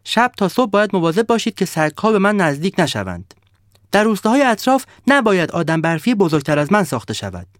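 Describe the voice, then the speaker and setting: A man's voice: sits high, sing-song, no echo, clean studio sound, voice pushed up. A man voicing a bossy, greedy snowman who barks rude orders at villagers in a storybook tale. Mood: decreeing. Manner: barking orders, rude and demanding.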